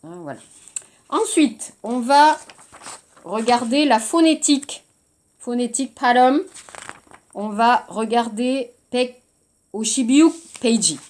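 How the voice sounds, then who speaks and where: A woman teaching French in a recorded lesson, explaining slowly and repeating key points for her students. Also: on the high side, a little mellow. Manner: slow, deliberate explaining with frequent repetition.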